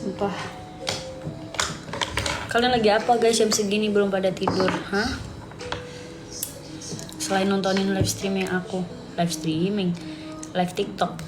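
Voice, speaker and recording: On a late-night livestream, a woman from Sidoarjo, East Java, Indonesia, chats casually and rambles in slang, reading viewer comments aloud and answering them. Her medium-pitched voice moves little in pitch, runs a bit slow, and pauses often, with music playing behind.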